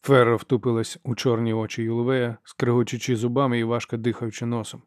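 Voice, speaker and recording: A man narrating an audiobook in a steady, measured reading. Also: mid-range voice, dry recording, studio quality. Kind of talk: scripted narration.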